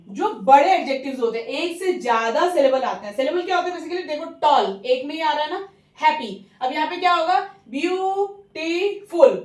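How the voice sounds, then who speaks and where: Speaking with an Indian accent in a high, light voice, a patient English grammar teacher works through the rules one step at a time. She frequently checks that the listener is following and draws out example words slowly. The audio is roomy, picked up by a mic set a little way off.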